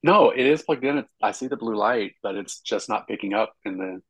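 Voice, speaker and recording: A man's voice: on the low side, animated, a little fast, husky, no room sound. A man co-hosting a podcast in casual, joking chat, his voice thin and tinny as if talking inside a tin can because his microphone is faulty. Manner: casual, joking, swears freely. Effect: tinny sound from a faulty microphone, like talking in a tin can. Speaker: podcast co-host.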